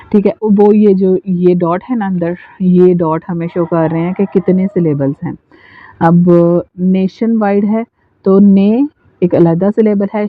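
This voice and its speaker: An English teacher, explaining a textbook lesson. The teacher reads English lines aloud, then explains each one slowly. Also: medium pitch, no echo. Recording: tinny phone-like, dry sound.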